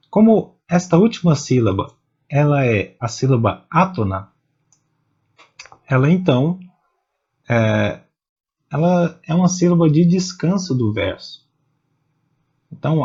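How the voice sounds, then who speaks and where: Slow, husky man teaching step by step. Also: medium pitch, a little mellow, dull audio. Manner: slow, patient, spelling out syllables one at a time. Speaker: poetry teacher. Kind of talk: explaining step by step.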